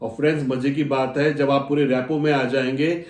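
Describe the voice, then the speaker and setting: A man teaching a lesson on rapport, lively and acting out customer conversations, calling his listeners friends. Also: mid-range voice, normal speed. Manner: animated, acts out customer dialogues. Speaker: soft skills coach. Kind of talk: motivational lesson. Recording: echoey room.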